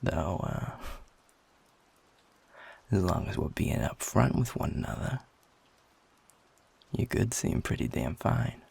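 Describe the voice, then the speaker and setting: In an intimate audio roleplay, a man voices a feisty, cocky werewolf with a low, very husky, gravel-thick voice that's a little mellow and exaggerated. He speaks bluntly and casually, flirty and amused, with a teasing edge.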